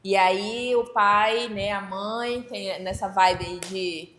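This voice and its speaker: A woman's voice: medium pitch, fairly even intonation, fairly bright tone. Woman explaining in an echoey room. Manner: halting, with many restarts and fillers while explaining. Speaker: participant in a workplace meeting. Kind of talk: casual explanation in a group discussion.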